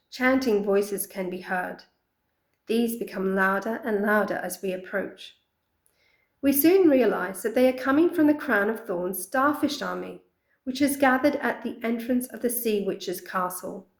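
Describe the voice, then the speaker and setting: A woman narrating a children's fantasy audiobook in a steady, expressive reading voice. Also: mid-range voice, unhurried, vocal fry, echoey room, rough recording. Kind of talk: scripted storybook narration.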